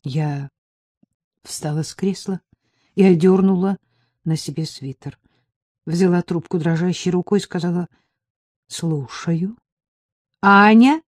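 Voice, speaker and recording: A woman reading a first-person audiobook in a measured, anxious inner voice. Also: on the low side, fairly even intonation, mellow, no echo, clean studio sound. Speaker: audiobook narrator.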